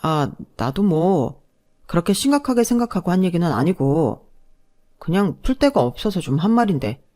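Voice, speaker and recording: A woman voicing a sheepish young husband who mumbles slow excuses in a story reading. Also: lowish voice, sing-song, warm tone.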